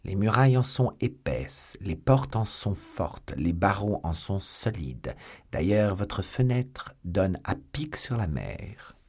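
A sardonic, steely English nobleman, as a male audiobook reader voices him. The voice is deep and husky, close to the reader's own. He speaks in a measured, quietly mocking tone. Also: sing-song, exaggerated voice. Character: stern English baron, sly and mocking. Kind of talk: audiobook character voice.

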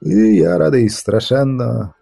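A man's voice: mid-range voice, very animated, a little slow, creaky, warm tone, dry recording, studio quality, soft background music, heavily acted. A man voicing a sly, mock-sorrowful baron in an audiobook. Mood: mock-sad. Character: sly merry married male baron.

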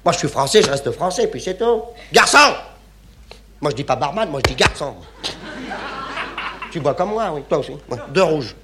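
A man delivers a comic stage monologue with indignant exclamations and mock stubbornness. His voice sits high and swoops widely from line to line. The old recording has a clear noisy hiss behind him. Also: animated, brisk. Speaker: comedian.

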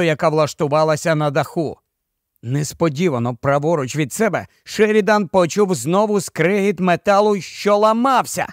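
A man's voice: sits high, dry recording, studio quality. Man narrating a tense horror story. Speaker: audiobook narrator. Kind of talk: dramatic audiobook narration. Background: faint music.

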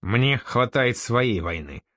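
A blunt, sharp-tongued young raider chief, voiced by a man reading an audiobook, answering in short, curt phrases. His pitch moves in lively swings. The reading sounds close and dry. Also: moderate pace, no echo, lightly acted. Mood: brusque. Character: bold, blunt young male raider-merchant leader.

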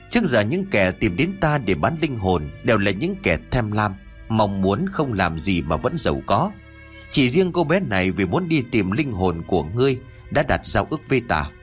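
Man voicing a solemn red demon king. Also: lowish voice.

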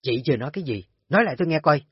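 A man's voice: on the high side, lively intonation, very fast, breathy edge, dry recording, voice pushed up. A man voicing a hot-tempered young daughter in an audio story, angrily accusing her sister-in-law. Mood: angry accusing. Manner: angry, accusing. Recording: dull lo-fi audio with faint music.

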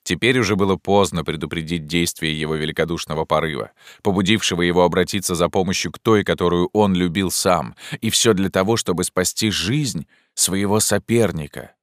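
A man reading a novel aloud in the first person, in a measured and grave manner, close to a studio mic. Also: low voice, dry recording. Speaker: audiobook reader. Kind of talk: first-person literary narration.

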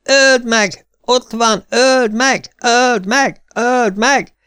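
Man doing a shrieking excited boy. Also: clear, resonant tone, no echo. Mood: frenzied. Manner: shrill repeated shouting. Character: excited young boy yelling at a joust.

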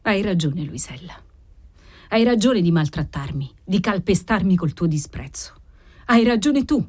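Give me a woman doing a desperate husband who begs and accuses himself, his voice trembling and very lively in pitch, as in a read-aloud audiobook. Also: unhurried, slightly rough. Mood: anguished. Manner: pleading, breaking, self-reproaching. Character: anxious ruined husband, a man, pleading. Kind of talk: audiobook character reading.

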